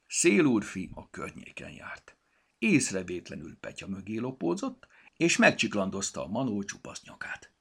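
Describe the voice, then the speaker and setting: A man reading a children's audiobook aloud, expressive and storytelling. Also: fairly low pitch, breathy edge. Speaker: narrator.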